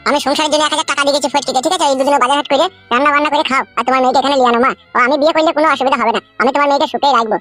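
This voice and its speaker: A woman's voice: high voice, fairly even intonation, very fast, few pauses, fairly bright tone, soft background music. A woman voicing a pushy young suitor who coaxes an older woman in a comic cartoon. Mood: coaxing. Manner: coaxing, repeating "mother". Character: smooth-talking young suitor, wheedling and pushy.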